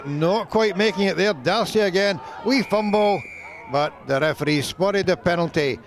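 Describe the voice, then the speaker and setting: A Scottish man calling a rugby match, his play-by-play lifting with each surge of play. His voice is gravelly and sits a little high for a man. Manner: lively play-by-play, rising with the action. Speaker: rugby commentator. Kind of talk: sports commentary.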